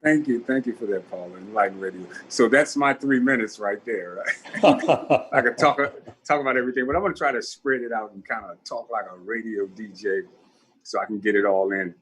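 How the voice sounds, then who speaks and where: A man's voice: on the low side, a little fast, a bit bright, a little hiss or hum. A man in his seventies, from Newark, telling his personal story as a guest speaker at a virtual town hall, candid and reflective. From Newark, New Jersey. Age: 70s.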